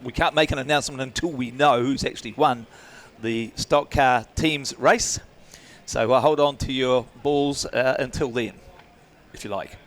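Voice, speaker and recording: A man's voice: mid-range voice, normal speed. A man, giving easygoing, rambling live commentary at a sports event.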